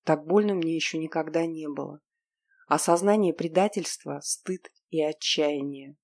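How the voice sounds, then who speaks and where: A woman's voice: sits low, normal speed, a little mellow. A woman narrating a first-person story in an emotional, dramatic way.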